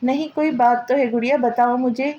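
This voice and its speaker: A woman voicing a loving young wife who gently coaxes and advises her sister-in-law. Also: sits high, fairly even intonation, normal speed, highs cut off, a little hiss or hum, natural voice. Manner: gentle, coaxing.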